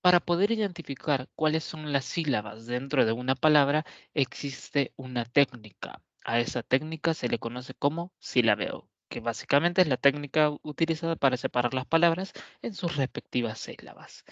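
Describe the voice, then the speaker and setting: A man's voice: mid-range voice, a bit bright, no echo. A man giving a pre-recorded lecture as a teacher, explaining step by step and often checking in with his students. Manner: measured, explanatory, frequent "¿verdad?" check-ins. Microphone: laptop or webcam mic, camera switched off. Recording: dry, dull lo-fi recording.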